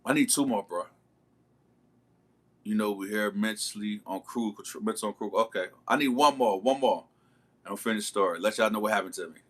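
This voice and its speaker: On a livestream, a man with a low voice and a slightly fast pace spins a long, slangy story for his audience. He speaks casually and keeps calling out to the viewers in his live chat.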